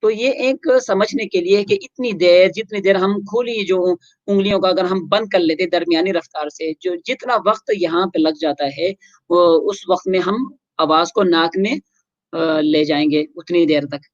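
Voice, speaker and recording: A Quran recitation teacher running a tajweed lesson, chanting syllables slowly in drills and explaining rules in quick asides. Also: medium pitch, dry recording. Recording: dull lo-fi recording.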